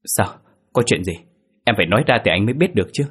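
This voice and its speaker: A worried young husband trying to calm his frightened wife, as a male narrator plays him. He speaks in a low, husky voice with quick, coaxing reassurance. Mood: anxious.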